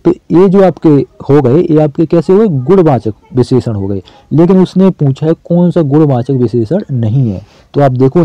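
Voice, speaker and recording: A man's voice: a little high, no room sound, muffled recording. A man teaching an exam-prep lesson in a casual, chatty way, asking questions and answering them himself.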